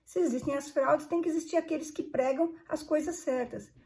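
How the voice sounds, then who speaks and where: A woman's voice: high-pitched, brisk, creaky, darkish tone. A woman teaching a Bible study, earnest and conversational, repeating phrases for emphasis.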